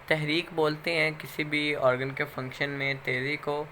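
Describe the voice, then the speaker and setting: A man's voice: fairly high pitch, flat delivery, pushed and bright, slight background noise. A man with a Pakistani accent giving a recorded lecture, explaining step by step and checking in with "okay" again and again. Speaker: instructor.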